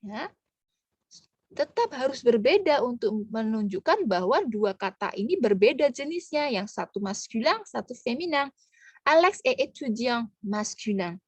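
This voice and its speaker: A woman's voice: on the high side, very animated, normal speed, a little mellow, husky, no echo. A woman teaching French pronunciation in an online lesson, patiently breaking words into syllables.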